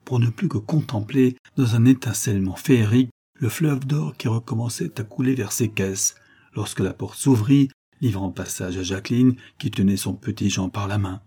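A man reads a classic novel aloud in an expressive, dramatic audiobook narration. His voice sits low, with a dark, mellow warmth and a husky grain. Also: moderate pace.

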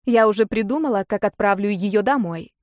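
A woman's voice: mid-range voice, fairly quick, dry recording. Woman narrating a fantasy audiobook, dry.

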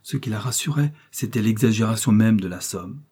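A man narrating a classic novel in a measured, expressive reading. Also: fairly low pitch, slightly rough. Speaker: audiobook narrator. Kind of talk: scripted literary narration.

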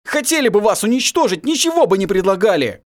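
A man's voice: sits high, sing-song, moderate pace, voice pushed up. A man voicing a young, resolute human prince, speaking with force in a raised voice. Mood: stern pleading.

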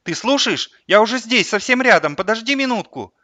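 A frantic young mother begs down the line, her voice pushed high and breathless, as a man reads her part. The reading is bright and dry, close to the mic, an audiobook scene. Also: expressive, fairly quick, no echo. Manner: pleading, breathless.

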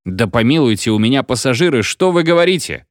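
A man's voice: mid-range voice, sing-song, fast, no room sound, voice pushed up, lightly acted. A man voicing a flustered, officious chief conductor who pleads and insists, in a dry recording. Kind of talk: audiobook character voice.

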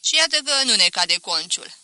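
A woman voicing a bitter, haughty aging spinster who talks in a loud and sharp way. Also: a little high, animated, no room sound. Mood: scornful.

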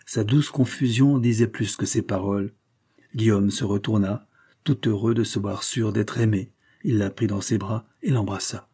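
Male audiobook narrator, calm and measured, warm dark tone, slightly husky. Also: lowish voice.

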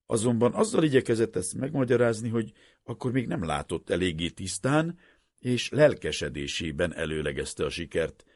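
A male audiobook narrator reads a novel with measured, dramatic storytelling. His voice is deep and gravelly, with a lively rise and fall. The recording is dry and close-miked. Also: no room sound.

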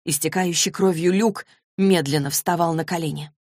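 A woman with a fairly low voice reads the narration of an audiobook in a steady, dramatic manner. The recording is dry and close, with no room sound. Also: moderate pace, dry recording. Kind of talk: scripted narration.

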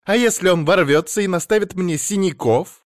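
A man voicing an agitated woman phoning the police, talking fast and pleading, then furious. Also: sits high, no room sound, clean studio sound, voice pushed up, close to an everyday voice. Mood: furious, shrill. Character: agitated middle-aged woman caller, shrill and indignant.

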